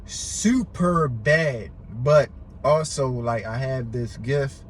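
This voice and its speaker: Speaking slowly in a mid-range voice over slight background noise, this American podcast guest stutters through word and syllable repetitions. He chats casually and emphatically, swears and uses lots of slang, and says things again to drive them home.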